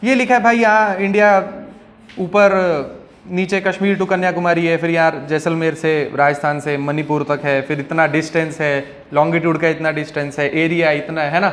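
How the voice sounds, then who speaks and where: A man's voice: on the high side, level tone, moderate pace, fairly bright tone. A male teacher giving a classroom lecture in a conversational way, often checking in with his students.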